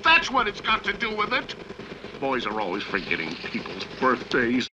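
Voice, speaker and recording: A blustering cartoon cop. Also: male voice, mid-range voice, huge pitch swings, normal speed, heavy background noise. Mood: indignant. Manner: indignant, blustering. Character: pompous grumpy cartoon police officer, hates boys.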